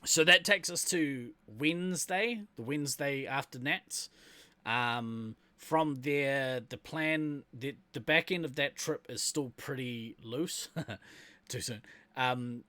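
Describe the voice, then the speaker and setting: A man's voice: mid-range voice, takes it slowly, pushed and bright, dry recording. A man with a New Zealand accent co-hosting a podcast in casual, rambling chat, laughing often. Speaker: podcast co-host.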